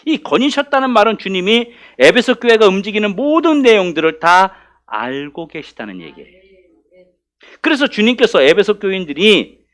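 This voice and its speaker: Brief: male pastor, high and lively voice, chatty Bible study sermon that keeps asking the room questions. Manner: conversational, asks the congregation questions. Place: church.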